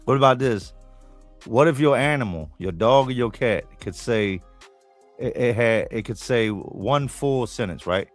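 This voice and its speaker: A man's voice: mid-range voice, animated, a little slow, no echo, soft background music. A man hosting a casual chat, asking playful what-if questions.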